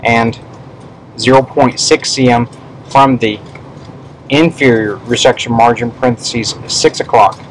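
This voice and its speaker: Slow-paced man dictating a medical report. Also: medium pitch, poor audio. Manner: measured dictation, speaking punctuation aloud. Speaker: pathology specimen prosector. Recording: steady background room noise.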